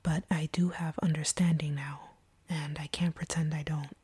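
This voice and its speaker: In an intimate audio roleplay, a woman plays an ancient vampire, a stern captor beginning to soften, speaking in a deliberate hush. Her low voice is a dark, very breathy, husky whisper, level in tone and close in a dry recording. The mood is earnest and softening.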